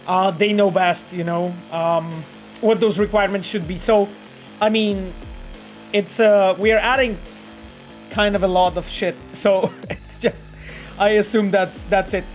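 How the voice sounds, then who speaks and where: Faint music plays behind a man from Poland, whose high-pitched voice moves a little slowly as he reads chat messages on his game development stream. His casual talk wanders, packed with fillers, repeats and laughter.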